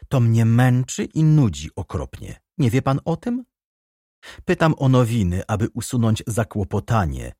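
A man reading the part of an ironic, haughty baroness in an audiobook, raised in pitch and teasing. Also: dark tone, slightly rough, no echo, studio quality. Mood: impatient. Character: ironic aristocratic baroness, adult woman, haughty.

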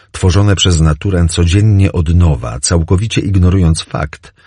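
A man narrates a novel in a measured, descriptive way. His voice is very deep and husky, and his pitch moves in a lively, varied way. The recording is dry and close. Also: dry recording. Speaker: audiobook narrator.

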